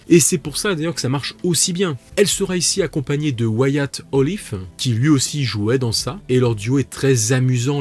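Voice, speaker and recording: A man reviewing a TV series in a casual video, chatty and self-mocking, with jokey asides. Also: mid-range voice.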